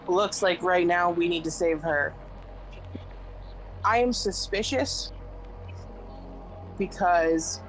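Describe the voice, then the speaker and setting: A woman playing a tabletop game, calm and matter-of-fact. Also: fairly low pitch, low-quality recording. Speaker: player. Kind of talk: casual tabletop play.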